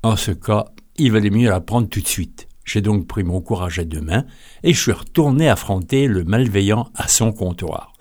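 A man's voice: fairly low pitch, normal speed, a little mellow. A man from France with a French accent, telling humorous stories in a wry, literary, playful way. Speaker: storyteller. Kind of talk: humorous storytelling monologue.

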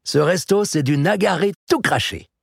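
A man's voice: high-pitched, unhurried, creaky, breathy edge, no room sound, studio quality, pitched above the performer's own voice, exaggerated voice. A man doing a blunt retired old friend. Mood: familiar. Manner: blunt, familiar.

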